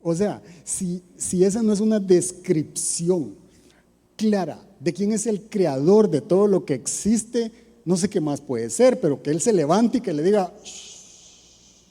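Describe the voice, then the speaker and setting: A man's voice: high voice, expressive, measured pace, mellow. A man preaching a sermon in a conversational way, asking his listeners questions, with a Costa Rican accent. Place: church. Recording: long church reverb.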